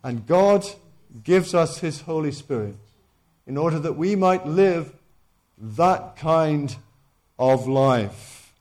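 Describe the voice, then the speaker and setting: Emphatic preacher, a man, fairly high voice. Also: animated, slow pace, long pauses, darkish tone. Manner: emphatic, repeats key phrases, frequent restarts. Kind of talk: sermon.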